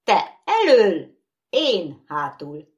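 A storybook bogeyman who speaks down to everyone in a lofty, matter-of-fact way, as a woman puts him on. The voice stays a little above the reader's own and somewhat louder, with a lively lilt. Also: on the low side, lo-fi sound. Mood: gallant. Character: gallant, condescending male bogeyman.

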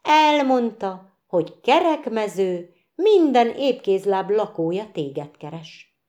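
A woman's voice: medium pitch, pitched above the performer's own voice, natural voice. A woman doing a kindly frog prince. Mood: friendly. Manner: calm, hospitable, measured. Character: kindly, self-assured frog prince host.

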